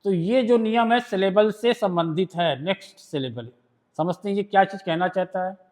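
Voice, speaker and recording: Teaching a shorthand class, a man with an Indian accent speaks in a high-pitched voice with a darkish tone. He explains the rules step by step, first reading each slowly in English and then going over it in Hindi, and keeps checking that students are following.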